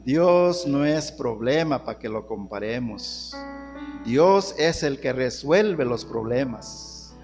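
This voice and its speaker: A man's voice: mid-range voice, lively intonation, takes it slowly, big-room sound, music in the background. A man preaching a sermon, calling on the congregation as brothers and repeating phrases for emphasis.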